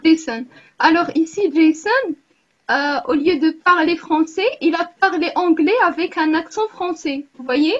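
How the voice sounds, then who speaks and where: A woman hosting an online language club, slowly explaining and checking whether the group follows. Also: extremely high pitch, dull audio. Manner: slow, explanatory, asks the group questions. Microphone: video call.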